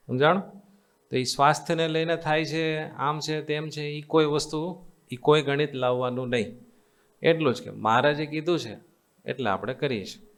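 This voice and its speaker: A man's voice: on the high side, moderate pace, pauses often, fairly bright tone. Man, Gujarati accent, swami, devotional sermon, call-and-response with audience, repetitive coaxing delivery. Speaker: swami giving a religious discourse. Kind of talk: devotional sermon to a live assembly.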